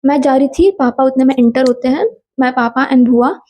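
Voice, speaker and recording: Animated young woman telling a story. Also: high-pitched, normal speed. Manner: animated, mixes Hindi and English, quotes people in dialogue. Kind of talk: casual storytelling vlog.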